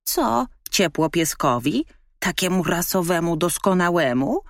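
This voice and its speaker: A woman voicing a sly, cheeky little raccoon in a storybook reading, speaking in a high, teasing, sarcastic voice. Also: sing-song, unhurried, dry recording, clean studio sound. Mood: mocking.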